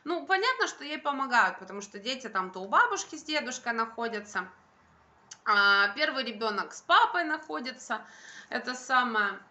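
A young woman, a vlogger and mother, chats casually into a phone held at arm's length in a room by a window. Her fairly high voice is sing-song, pushed and bright at normal speed, and she talks emphatically and colloquially, repeating phrases.

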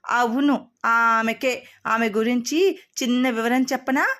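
A woman's voice: on the high side, steady tone, measured pace, fairly bright tone. A woman voicing a bold, playful young woman who sets a daring bet. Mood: teasing.

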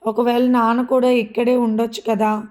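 A woman voicing an innocent young daughter who coaxes her mother gently, in a mellow, even voice. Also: fairly high pitch, moderate pace, close to an everyday voice. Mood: coaxing. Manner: naive, coaxing.

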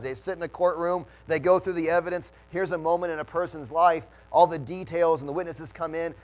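Earnest preaching man, somewhat high voice. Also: rough recording. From United States. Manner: earnest, restarts phrases while preaching. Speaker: pastor. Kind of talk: sermon.

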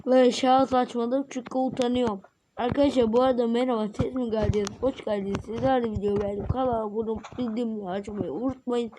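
Gaming host, woman, a little sick with a rough voice, mellow tone, chatty and self-conscious. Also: on the high side, fairly even intonation, fast talker, slight background noise. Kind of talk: casual game commentary.

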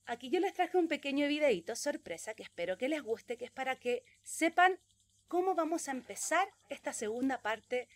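Lively, animated woman teacher. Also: high voice. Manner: exaggerated, slow, loud drill words for children to repeat. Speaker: preschool English teacher. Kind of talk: virtual class teaching.

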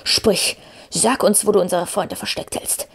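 A woman voicing a gruff, hot-tempered male dwarf warrior who speaks fast and threatening. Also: medium pitch, steady tone. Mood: angry.

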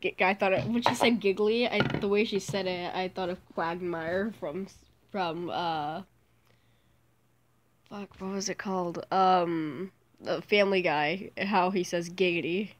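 A woman giving a halting, sweary, off-the-cuff reaction to a video. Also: on the low side, steady tone, slight background noise. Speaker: reaction commentator.

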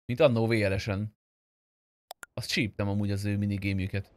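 A man with a fairly low, steady voice chats informally and asks questions as he plays an online roleplay game.

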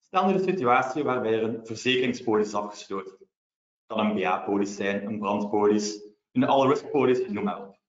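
Belgian man explaining law, roomy webinar sound. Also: fairly low pitch. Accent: Belgian Dutch. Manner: measured, explanatory, with examples. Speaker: lawyer presenting. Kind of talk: formal legal lecture. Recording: roomy, dull webinar audio.

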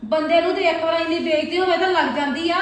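A woman playing a nagging, sharp-tongued mother in a family skit. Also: very high voice, fairly even intonation. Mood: scolding. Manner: nagging, rapid-fire scolding. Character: sharp-tongued scolding middle-aged mother. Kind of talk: comic family skit acting. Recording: very echoey room.

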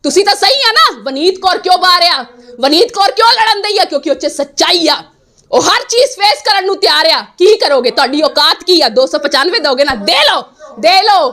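Angry high-voiced woman. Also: expressive, moderate pace, bright, forceful tone. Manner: angry, defiant, repeats herself. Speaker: interviewee. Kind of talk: heated interview.

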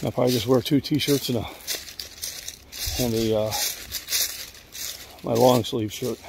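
An older man walking through woods, rambling in a relaxed way to a phone at arm's length. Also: medium pitch, unhurried, gravelly, noisy background. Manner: rambling, relaxed, thinking aloud while hiking. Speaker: vlogger. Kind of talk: casual walking vlog. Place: outdoors in woods. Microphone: phone held at arm's length while walking.

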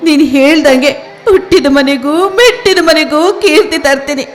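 An actress playing a gentle, tearful new bride and elder sister in a stage play. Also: female voice, sits high, normal speed, lightly acted. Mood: tender. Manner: soft, tearful. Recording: live stage with music.

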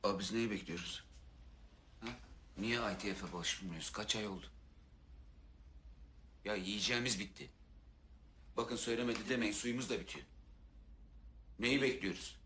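An actor playing a worried sailor asking why the crew still waits. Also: male voice, lowish voice, normal speed, long pauses, slight background noise. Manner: complaining, urging calm. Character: worried sailor complaining about waiting.

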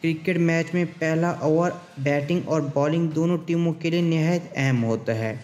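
A man reading a scripted sports countdown voice-over in a steady, formal delivery. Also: on the high side, moderate pace, lo-fi sound. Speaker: channel narrator. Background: faint background music.

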